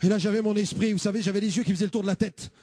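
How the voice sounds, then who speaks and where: A young man giving a lively testimony as a preacher, acting out the voices in his story. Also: sits high, very fast, no echo, studio quality. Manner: acts out every voice in his story, shouting and pleading. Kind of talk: animated testimony.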